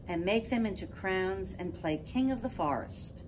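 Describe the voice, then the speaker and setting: Woman, storybook reader, mid-pitched, animated melody, clear background noise. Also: moderate pace. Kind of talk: storybook read-aloud.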